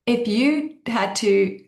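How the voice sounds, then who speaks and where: A woman giving a conversational talk on the mind, animated and acting out inner thoughts in quoted voices, speaking into a computer mic on a video call. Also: fairly high pitch, gravelly. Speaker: mindset speaker. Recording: roomy echo.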